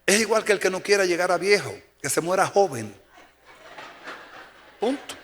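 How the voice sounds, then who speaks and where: This male pastor from the Dominican Republic has a high-sitting, expressive voice with a slightly bright quality and a moderate pace. Speaking with a Dominican Spanish accent, he preaches emphatically in a church sanctuary and repeats key phrases for effect. Long church reverb and faint music fill the recording.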